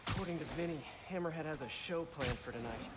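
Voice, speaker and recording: A man's voice: on the high side, fast talker, very noisy, lightly acted. An actor playing a chatty young male hero who talks to himself as he works. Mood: eager. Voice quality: chatty, self-talking. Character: young male masked hero, earnest and quippy. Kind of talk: video game voice acting. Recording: game audio with music behind.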